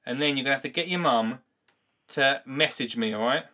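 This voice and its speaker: Fairly quick and sharp in tone, this medium-pitched male voice belongs to a live call-in show host with an Essex accent. He keeps things casual and matey, chatting off the cuff with his callers.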